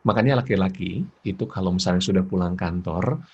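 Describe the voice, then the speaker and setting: A man giving an expressive parenting lecture, laughing often and acting out examples. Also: sits low, fairly quick, husky, muffled recording. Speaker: parenting speaker.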